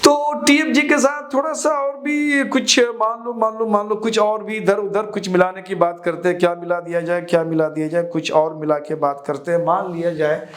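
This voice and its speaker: A man's voice: high voice, fairly even intonation, normal speed, hardly any pauses. A man teaching chemistry to students in a lecture, asking rhetorical questions, repeating the answers and calling his students children. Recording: echoey room.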